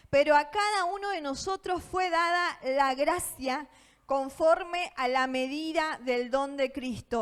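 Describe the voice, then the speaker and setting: A woman pastor with a Rioplatense Spanish accent, preaching a sermon in a church auditorium, earnest and often asking her listeners for agreement. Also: sits high. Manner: earnest, asks the audience for agreement, laughs between points.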